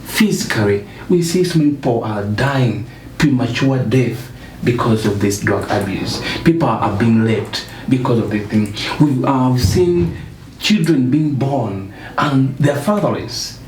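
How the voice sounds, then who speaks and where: A man's voice: medium pitch, a little slow, a little mellow. A man from Uganda, a guest in a motivational discussion, speaking earnestly and stacking up points for emphasis. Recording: echoey room, distant mic, faint noise.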